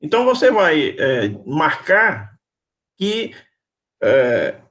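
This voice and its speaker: This lecturer's voice sits on the high side and is fairly bright, with big pitch swings, and he talks extremely slowly. Teaching a university class by video call, he quizzes students by name and patiently repeats questions.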